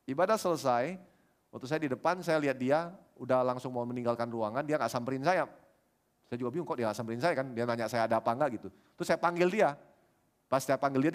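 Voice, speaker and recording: Animated storytelling male preacher. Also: a little high. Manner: storytelling, animated, acts out quoted dialogue. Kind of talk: sermon. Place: church service.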